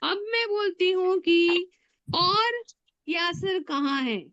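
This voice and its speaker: A woman's voice: very high-pitched, expressive, takes it slowly, a bit bright, no room sound, dull audio. A woman teaching Arabic grammar in an online class, patiently drilling words and asking her students questions. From India. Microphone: online class audio.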